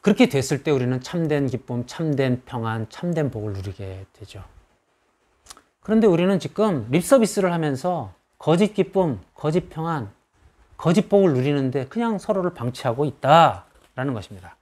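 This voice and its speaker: A man's voice: on the high side, sing-song, normal speed, a little mellow. A man preaching a sermon as pastor, stressing his points by repeating phrases in rising lists.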